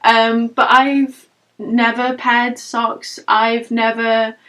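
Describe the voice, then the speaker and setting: A woman's voice: a little high, level tone, drawn-out words, a bit bright. A young woman from Wales with a Stoke accent, chatting casually as a podcast co-host. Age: young adult. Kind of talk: casual chat.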